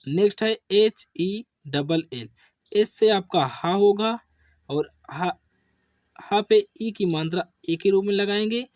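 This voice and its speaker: A man teaching an English spelling lesson to children, asking questions and answering them himself in a lower voice. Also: a little mellow, dry recording, clean studio sound. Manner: addresses viewers as children. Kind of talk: slow classroom-style spelling lesson.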